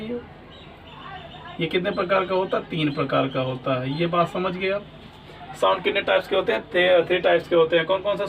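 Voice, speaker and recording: A man's voice: high-pitched, recorded from a distance, a little hiss or hum, low-quality recording. A man teaching an English lesson, asking questions and answering them himself, often checking that students follow. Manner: repeats "ठीक है ना?" often. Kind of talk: classroom lesson.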